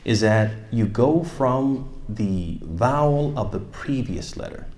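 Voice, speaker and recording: An animated male teacher runs a hands-on recitation class. He demonstrates each sound himself, poses questions to the room and keeps the students engaged. His voice sits at a middling pitch. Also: slow, roomy sound. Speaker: tajweed teacher. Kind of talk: classroom tajweed workshop.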